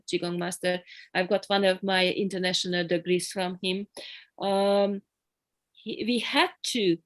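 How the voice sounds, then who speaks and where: Soft-spoken woman teaching over video call. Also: medium pitch, no room sound. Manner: soft encouraging murmurs, relaxed explaining. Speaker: qigong teacher. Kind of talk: leading an online group class.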